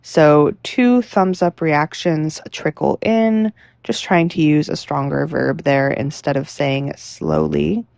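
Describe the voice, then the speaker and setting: A young woman talking casually to camera about editing her novel, chatty and relaxed with lots of fillers. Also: deep voice, slow pace, gravelly, dry recording, studio quality. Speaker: writing vlogger.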